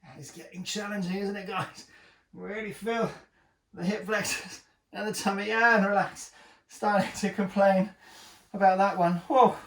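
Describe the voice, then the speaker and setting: Breathless fitness trainer in an echoey room. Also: male voice, sits high, steady tone, moderate pace, a bit bright, distant mic. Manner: encouraging, joking, breathing hard between exercises. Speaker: personal trainer. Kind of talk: talking through a home workout.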